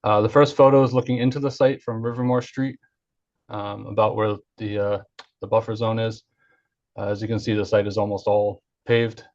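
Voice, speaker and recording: A man's voice: fairly low pitch, little pitch movement, normal speed, a little mellow. Man on a dull video call. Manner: hesitant, many uh fillers. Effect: heard over an online video call. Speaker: engineer presenting a project. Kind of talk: formal project presentation at a public hearing.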